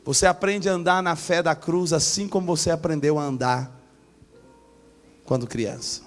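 A male pastor preaching a sermon in church, telling a story with animated shifts of voice. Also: moderate pace, faint music behind. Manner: animated storytelling, acting out voices with big pitch swings.

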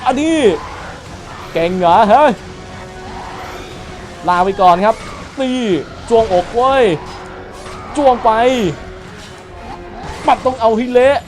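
A young man giving excitable let's play commentary, trash-talking enemies with frequent exclamations. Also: very high-pitched, slow, pauses often. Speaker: gaming channel host. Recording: loud game music behind voice.

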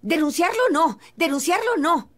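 A woman's voice: sits high, fairly quick, pitched above the performer's own voice. A woman voicing a frightened young pregnant wife who pleads anxiously and repeats herself.

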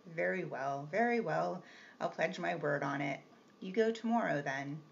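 A woman reading the part of a brusque, teasing gentleman employer with a gruff, commanding manner. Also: fairly high pitch, lively intonation, moderate pace. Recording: slightly muffled with faint hiss.

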